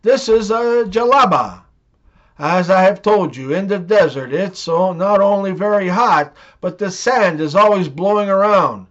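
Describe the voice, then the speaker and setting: A man voicing a calm old father, gently explaining to his son in a joke. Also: high voice, measured pace. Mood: patient. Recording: dull lo-fi recording.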